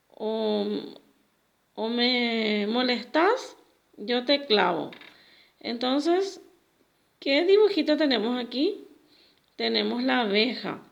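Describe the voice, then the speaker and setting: Slow, high-voiced woman teacher. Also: gravelly. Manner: slow, careful teacher repeating each new word. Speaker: Guaraní teacher. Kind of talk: recorded language lesson for children.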